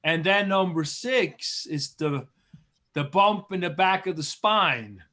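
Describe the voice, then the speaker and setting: A man's voice: high-pitched, lively intonation, pushed and bright. Encouraging Swiss-raised male teacher. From Switzerland. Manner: encouraging, chatty, repeats terms slowly. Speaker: biology teacher. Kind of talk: online class review.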